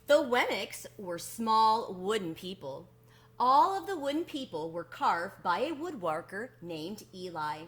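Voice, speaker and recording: This mid-range voice belongs to a woman reading a children's picture book aloud. She performs it as a storyteller would, deliberate and expressive, with drawn-out stresses.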